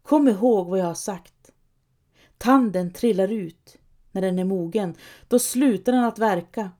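A woman reading aloud and voicing a gruff, bossy male robber chief who scolds his men. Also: mid-range voice, mellow, natural voice. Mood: gruff scolding. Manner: barking, scolding. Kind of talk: audiobook reading.

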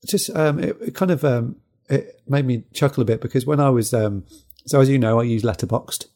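A man's voice: medium pitch, brisk, dark tone. A man co-hosting a podcast, chatting casually about a film in a rambling, agreeable way. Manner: rambling, agreeable, repeats "yeah" and "kind of". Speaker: podcast co-host.

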